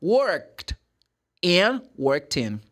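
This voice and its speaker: Animated Brazilian English teacher. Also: male voice, high-pitched. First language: Portuguese. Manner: animated, switches to slow careful English examples. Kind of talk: casual teaching chat.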